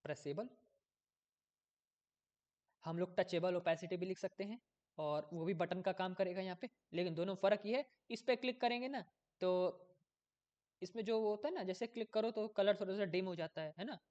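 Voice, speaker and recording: A man's voice: sits high, moderate pace, pauses often, a little mellow, dull audio. A man giving a casual coding tutorial, thinking aloud as he works, often losing his place and checking in with viewers.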